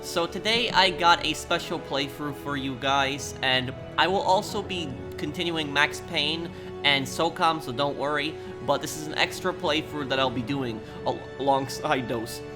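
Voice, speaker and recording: Music plays behind a man whose voice is fairly high and whose pace is normal. He's a native English-speaking gaming YouTuber from the United States, introducing a playthrough with casual, earnest explanations.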